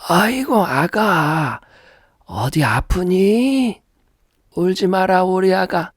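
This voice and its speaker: A man voicing an old grandmother who soothes and scolds a crying baby in a high, shrill voice. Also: expressive, very slow, husky, no room sound, studio quality, full character voice. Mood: soothing.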